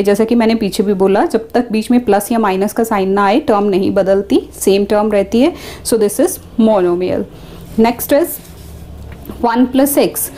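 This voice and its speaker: A woman's voice: a little high, warm tone. A woman teaching a maths class, explaining each step and speaking directly to the students. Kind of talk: classroom lesson mixing Hindi and English.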